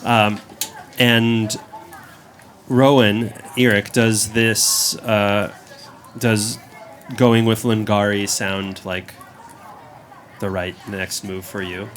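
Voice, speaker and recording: A man running a tabletop game as game master, halting with many ums and laughing easily. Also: fairly low pitch, flat delivery, a bit bright.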